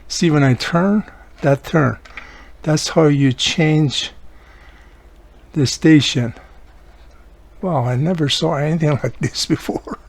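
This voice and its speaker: Thinking out loud as he works, this man hosts a radio repair tutorial channel and speaks in a creaky, rather high voice. He keeps the hands-on narration casual and chatty, frequently turning to speak to the viewer.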